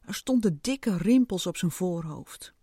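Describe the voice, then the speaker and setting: A woman's voice: lowish voice, expressive, unhurried, mellow, slightly rough, no echo, clean studio sound. A woman narrating a children's story, reading expressively and unhurriedly.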